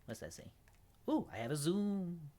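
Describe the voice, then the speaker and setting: A woman's voice: on the low side, big pitch swings, normal speed, mellow. A woman streamer chatting and reacting aloud as she plays a game, laughing often. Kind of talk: let's play commentary.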